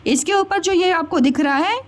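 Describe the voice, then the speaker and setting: Speaking at normal speed in a very high-pitched voice, a woman teacher walks children through a grammar lesson one step at a time. She talks to them as children, with frequent checks on their understanding.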